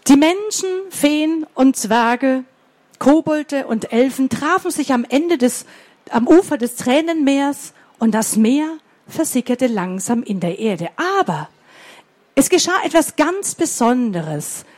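Woman storyteller for kids, high voice, unhurried and expressive. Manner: slow, expressive, asks the children questions. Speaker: storyteller for children. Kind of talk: reading a story aloud to children.

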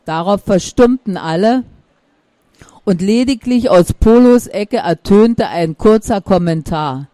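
A woman reading a children's story aloud in a calm storytelling manner. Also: medium pitch, takes it slowly, no room sound.

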